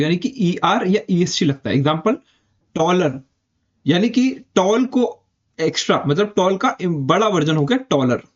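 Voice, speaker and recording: A man with an Indian accent teaching an English grammar lesson step by step, repeating key points and slowing down to spell out the English examples. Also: high voice, highs cut off.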